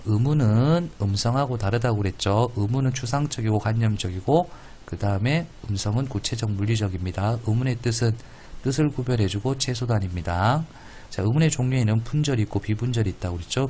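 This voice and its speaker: A man's voice: fairly low pitch, darkish tone, a little hiss or hum. A man teaching grammar in a lecture, playful and corny, demonstrating vowel sounds and often checking with the class.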